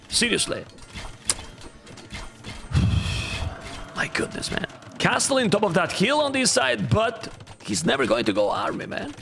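In his home streaming room, a thirty-something man with a Spanish accent gives live commentary on a strategy game, animatedly addressing chat and repeating phrases. His voice is high-pitched and turning a little hoarse as he loses it, with faint game music in the background.

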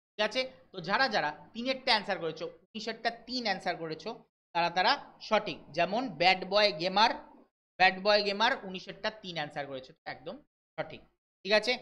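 A man from West Bengal teaching a live online exam-prep class, reading English questions out slowly and explaining them briskly while checking in with his students. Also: sits high, sharp tone. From West Bengal, India. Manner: brisk, keeps checking in with listeners.

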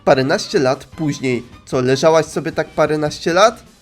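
An excitable young man gives casual, joking reaction commentary, tossing off quick asides. His voice sits a little higher than most men's, with faint music playing underneath. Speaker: YouTuber reacting to animations.

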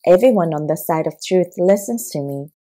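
A calm, measured male prisoner answers his questioner, as a woman voices him. The voice is low and warm, an audiobook reading rather than acting. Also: lightly acted.

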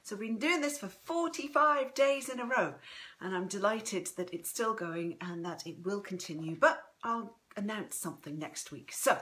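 A woman in her forties, an author, hosts a live reading from a room in her home, talking into a phone propped in front of her. Her medium-pitched voice is animated, a bit bright, slightly throaty and strained, and moves at a moderate pace. It's a casual livestream chat, and she gushes effusively while greeting viewers by name.

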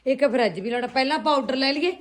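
A woman's voice: high-pitched, quick pace. A woman with a Punjabi accent chatting casually and familiarly as a vlogger, to viewers and companions alike. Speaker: vlogger and boutique owner. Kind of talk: casual vlog chat.

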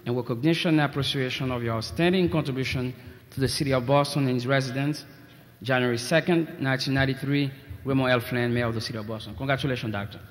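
At a gala in a large convention hall, a man at a podium mic reads award citations formally, fast and with few pauses in a mid-range voice, adding asides and self-deprecating jokes about losing his voice. The 1990s video has heavy hall echo.

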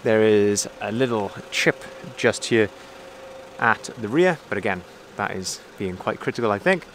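A man, a car salesman, walking around a used pickup outdoors and calmly pointing out its features. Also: on the low side, a little slow, a little hiss or hum. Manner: friendly, methodical, repeats phrases. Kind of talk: walkaround vehicle review. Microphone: handheld phone camera, filming himself off-screen.

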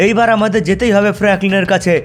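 A man's voice: high voice, fairly even intonation, racing, soft background music, close to an everyday voice. Man playing a scolding police chief, urgent, game video. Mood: stern. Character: stern male police chief.

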